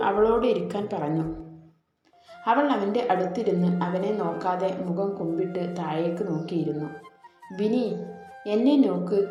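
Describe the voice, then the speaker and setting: A woman narrating a story in a gentle, even voice, reading the characters' lines without changing her voice. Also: on the low side. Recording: echoey room, soft background music.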